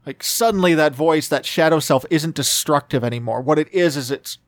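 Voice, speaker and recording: A man's voice: a little high, brisk, no room sound. A man hosting a podcast, reflecting earnestly and conversationally on faith, with many asides and restarts. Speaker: podcast host. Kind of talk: reflective religious commentary.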